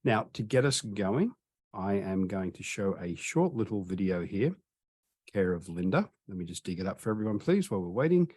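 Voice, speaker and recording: A man's voice: fairly low pitch, sing-song, normal speed, darkish tone, slightly rough. A man hosting a travel webinar over a video call, chatty and friendly, with frequent ums and restarts. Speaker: webinar host.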